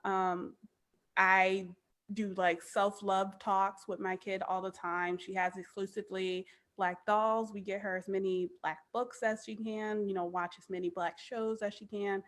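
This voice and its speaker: Woman, thirties, podcast guest, casual animated chat, mid-pitched, emphatic. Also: unhurried. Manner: animated, emphatic, frequent "like" fillers.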